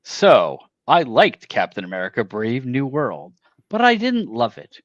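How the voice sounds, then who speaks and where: A man's voice: mid-range voice, wildly swooping pitch, moderate pace, no room sound, highs cut off. A man reading a short review in a mock radio-announcer voice as a podcast guest. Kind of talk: casual chat.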